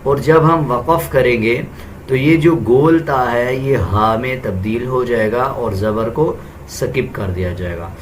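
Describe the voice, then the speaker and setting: Male teacher, mid-pitched voice, slow, patient walkthrough of pronunciation rules, faint room noise. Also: low-quality recording. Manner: patient, deliberate, repeats rules. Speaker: tajweed teacher. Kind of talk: slow step-by-step explanation.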